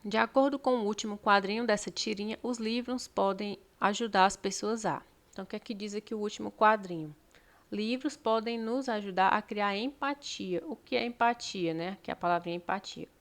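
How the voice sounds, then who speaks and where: A woman's voice: medium pitch, fairly even intonation, fairly quick. A Brazilian woman teaching an exam-prep lesson, explaining each answer step by step and often checking in with tag questions.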